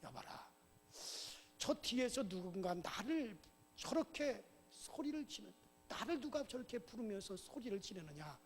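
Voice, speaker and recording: A man doing a calm, low-spoken teacher. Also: a little slow, heavily acted. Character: calm, authoritative male teacher. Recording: long hall reverb.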